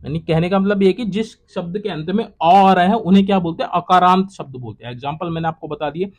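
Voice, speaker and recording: Young male exam tutor, slightly high voice, repetitive question-by-question delivery that drops off low. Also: fast, a little mellow. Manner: repetitive, drops to a low trailing voice at each close. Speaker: exam prep teacher. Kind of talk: solving quiz questions aloud.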